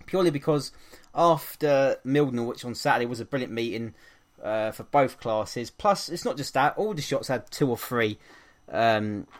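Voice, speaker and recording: A man from England hosts a casual podcast in a chatty, upbeat way, dotting his talk with ums. His pitch sits in a middle range, and he moves briskly from one item to the next. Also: expressive. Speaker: podcast host.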